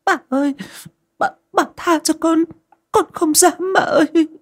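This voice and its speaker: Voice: medium pitch, animated, measured pace, a little mellow, voice pushed up. A narrator voicing a timid young maidservant who stammers and sobs as she pleads. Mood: pleading. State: crying.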